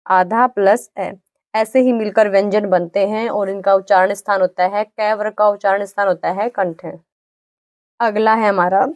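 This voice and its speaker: A woman's voice: medium pitch, darkish tone, no room sound. Patient woman teaching grammar, dry close sound. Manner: patient, repeats definitions, sounds out each letter slowly. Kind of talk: exam-prep grammar lesson.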